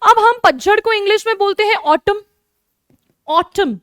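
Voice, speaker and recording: A woman with an Indian accent teaching French to children, repeating each word slowly and explaining patiently. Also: very high voice, fairly bright tone, dry recording, studio quality. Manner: addresses pupils as kids, explains patiently. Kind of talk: online lesson in Hindi.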